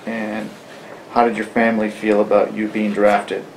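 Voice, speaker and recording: A man asking measured questions as an oral-history interviewer. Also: fairly low pitch, flat delivery, slight background noise, low-quality recording.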